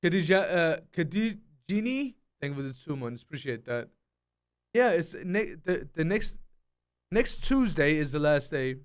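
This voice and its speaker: A man's voice: fairly high pitch, sing-song, unhurried, smooth. A young man live-streaming a game, chatting casually and greeting his chat one by one in a laid-back way.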